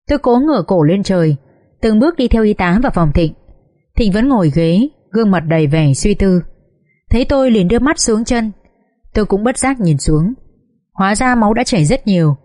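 A woman's voice: mid-range voice, mellow. A woman reading a sad first-person social drama as an audiobook, with a mournful, heartfelt delivery. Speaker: audiobook narrator.

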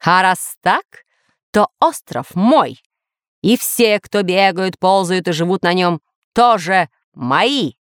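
A gloating masked villain out of a children's storybook, as a woman narrator puts him on. He booms his threats slowly in a lowered voice, with a close, dry sound. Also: animated, dry recording. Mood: menacing. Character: boastful masked villain, self-styled ruler of the island.

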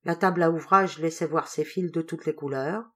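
A woman reading a novel aloud as an audiobook, calm and measured with light expression. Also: sits low, slightly rough. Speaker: audiobook reader. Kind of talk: literary audiobook narration.

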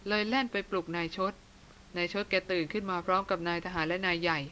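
A woman's voice: lowish voice, fairly even intonation, fast talker, pushed and bright, a little hiss or hum. Woman doing a grumbling old jungle guide. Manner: grumbling, scolding.

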